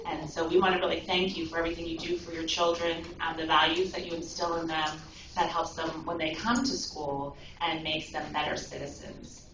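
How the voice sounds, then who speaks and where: A woman's voice: sits low, little pitch movement, brisk. A woman from the school staff giving an earnest speech at a school awards breakfast, thanking the parents. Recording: echoey room from far off, noisy.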